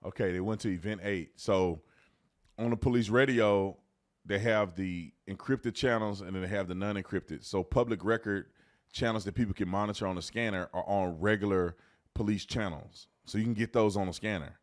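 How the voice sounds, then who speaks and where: With a fairly low voice at normal speed, this American host commentator, once a police officer, delivers informal, emphatic commentary. Repeating phrases is how he drives his points home.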